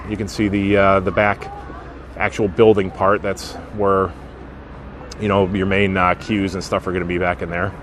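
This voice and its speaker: On a noisy outdoor theme park walkway, a man gives a casual live-stream walking tour in a low, flat voice at normal speed. A sinus infection leaves him somewhat sniffly, and he greets viewers by name amid many fillers.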